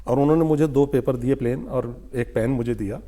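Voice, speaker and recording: An older man, a guest poet in a broadcast interview, recalls his past in a mellow, warm voice. He takes his time and brings in other people's words with small acted voices. His pitch sits in the middle range for a man. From India. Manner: unhurried anecdotes, acting out quoted speech. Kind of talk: storytelling interview.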